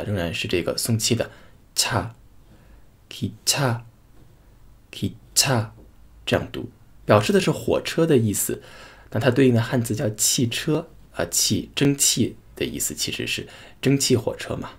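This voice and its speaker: A man teaching a pronunciation lesson, saying each sound twice in slow, drawn-out demonstrations. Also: medium pitch, husky. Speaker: language teacher.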